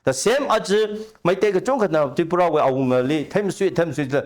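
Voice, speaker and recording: A man speaking at length as a talk show guest, giving long animated explanations with rising emphasis. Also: high voice, fairly quick. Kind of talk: conversational discussion.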